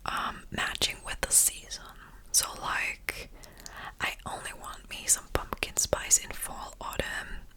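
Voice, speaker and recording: A woman whispering a casual, meandering ASMR ramble in a crisp, breathy voice, very close to the microphone. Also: sharp tone, rough recording. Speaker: ASMR creator. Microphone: close-up ear-to-ear stereo microphone.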